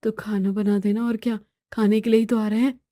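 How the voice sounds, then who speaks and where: A woman's voice: mid-range voice, little pitch movement, fairly quick, mellow, no room sound, studio quality, close to an everyday voice. A woman voicing a weary, henpecked young husband in a storybook tale, grumbling and pleading.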